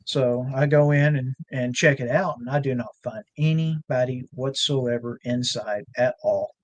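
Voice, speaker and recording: A man's voice: medium pitch, normal speed, muffled recording. A man telling a rambling, folksy story in casual chat, full of fillers. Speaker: ranch owner and guest.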